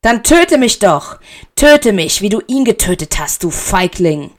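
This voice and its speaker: A woman voicing a defiant teenage boy wizard, who shouts in a raised voice. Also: medium pitch, sing-song, a little slow. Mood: furious.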